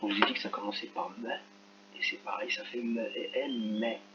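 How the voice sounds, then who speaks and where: A male teacher correcting a reading exercise for children, talking slowly and carefully and spelling out each sound as he works. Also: fairly low pitch, fairly even intonation, highs cut off, heavy background noise. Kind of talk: screen-recorded lesson correction.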